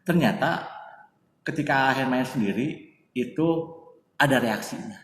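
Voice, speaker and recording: A man's voice: mid-range voice, animated, measured pace, fairly bright tone. A man telling a story as a guest in a casual interview, chatty, speaking of himself by his own name, with many fillers. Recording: echoey distant room with faint noise.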